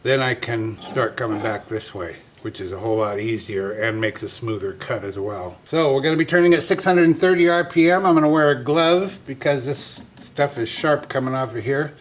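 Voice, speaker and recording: This woodturning host speaks at a moderate pace in a mid-range voice, barely pausing, with a faint hiss or hum in the background. He explains each step of his workshop demonstration casually, in plain, folksy language.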